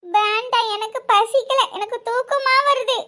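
A woman's voice: very high-pitched, steady tone, measured pace, sharp tone, heavily acted. A woman voicing a grown woman who acts like a whiny five-year-old in a cartoon, with a Kanyakumari Tamil accent and a childish, sing-song way of talking. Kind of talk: cartoon voice acting.

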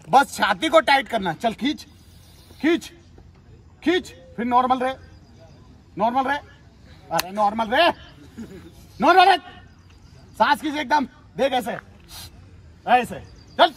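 A young man coaching army recruits in an instructional video, giving brisk commands and teasing them as he drills. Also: extremely high pitch, pushed and bright. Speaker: army recruitment physical trainer.

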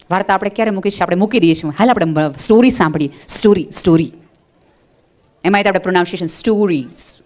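A woman giving a motivational talk to parents, speaking emphatically with rhetorical questions and short anecdotes. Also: fairly low pitch.

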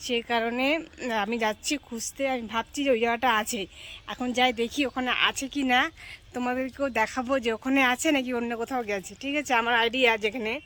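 A woman's voice: fairly high pitch, steady tone, fast. A woman vlogging outdoors on a phone camera, chatting casually to her viewers. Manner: chatty, addresses viewers as friends, often asks "okay?"; drops to a hushed voice at times while sneaking up. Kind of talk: casual vlog talk to viewers. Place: outdoors in a bamboo grove and fields.

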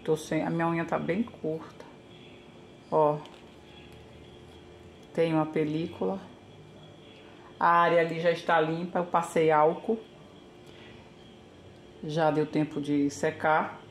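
An older woman from Brazil, a home vlogger, speaks low-pitched and level, slowly and with frequent pauses, as she casually narrates a how-to in her kitchen. She's chatty and thinks aloud while working, and the echoey recording carries a faint background hiss.

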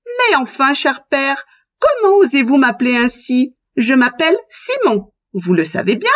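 A woman's voice: extremely high pitch, huge pitch swings, takes it slowly, fairly bright tone, highs cut off, pitched above the performer's own voice, exaggerated voice. A woman voicing a stubborn, cheeky little boy rabbit in a storybook reading. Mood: prim. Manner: pert, then prim and formal.

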